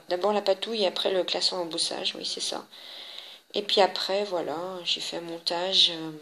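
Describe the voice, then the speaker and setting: Woman, French accent, bright voice, chatty crafting show-and-tell, halting with fillers, faint background hiss. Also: on the low side. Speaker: papercraft vlogger. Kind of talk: casual show-and-tell of handmade cards.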